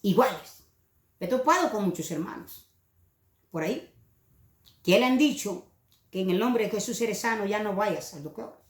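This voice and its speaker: A woman's voice: medium pitch, expressive, moderate pace, pauses often, roomy sound. A woman preaching a sermon with passion, now and then mimicking other preachers mockingly.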